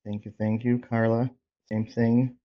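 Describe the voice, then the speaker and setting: Over dull, lo-fi video call audio, a man hosts a casual group coaching session, informally encouraging participants as he checks in. His medium-pitched voice barely rises or falls and moves a little slowly.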